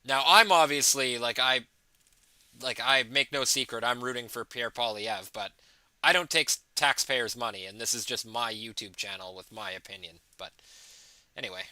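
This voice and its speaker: Bright, crisp-voiced man. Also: medium pitch, normal speed, no room sound. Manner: rambling, many fillers and restarts, reads out viewer comments. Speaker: livestream host. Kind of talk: casual live election commentary.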